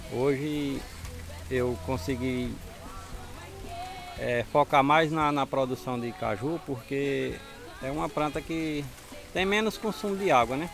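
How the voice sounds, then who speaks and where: With music in the background, a middle-aged Ceará farmer speaks plainly in a gravelly, medium-pitched voice marked by a northeastern Brazilian accent. The casual interview happens outdoors on the farm, using a handheld mic fitted with a furry windscreen.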